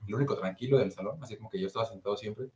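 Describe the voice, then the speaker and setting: Racing along in a lowish voice, a young Mexican man tells a story in casual conversation, performing the voices of each character. His accent is Mexican Spanish, and the audio carries roomy echo with some faint noise.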